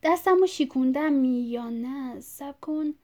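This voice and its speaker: Give me a woman playing a confused old father who rambles insistently, in a warm, raised voice for an audiobook. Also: high-pitched, pitched above the performer's own voice, close to an everyday voice. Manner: rambling, repeating himself, insistent. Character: confused bleeding old father, agitated and lost. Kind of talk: audiobook reading.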